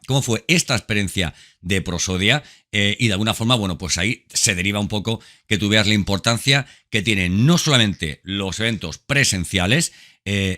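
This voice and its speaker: This man's voice sits on the low side and sounds pushed and bright. Hosting his podcast, he speaks informally and off the cuff straight to the listener, repeating phrases for emphasis, with background music running underneath.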